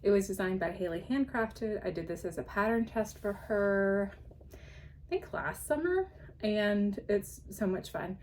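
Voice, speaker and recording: Woman, podcast host, casual chat, rambling with ums, slightly breathless, mid-pitched voice. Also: expressive, measured pace, a little mellow, a little hiss or hum. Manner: chatty, rambling, with frequent ums and light laughs. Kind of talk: casual show-and-tell chat.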